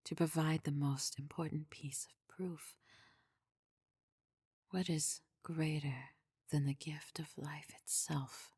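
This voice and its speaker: A regal necromancer queen, acted by a woman in a soft-spoken fantasy role-play. Her low voice is very breathy and husky, recorded dry and close. She speaks in formal, measured phrases, devoted yet possessive and controlling. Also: dry recording, heavily acted. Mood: solemn, reassuring.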